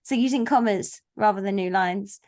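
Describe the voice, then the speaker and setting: Medium-pitched and a little mellow, a woman talks at normal speed while hosting an online book launch. In casual video-call chatter she teases her audience playfully and describes herself as a stickler for the rules. Her voice comes through a video call microphone.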